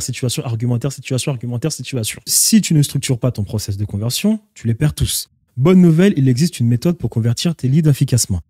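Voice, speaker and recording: A man's voice: mid-range voice, warm tone, breathy edge, no room sound, studio quality. A man coaching viewers on online sales, talking emphatically and asking rhetorical questions straight at them. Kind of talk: instructional talk to camera.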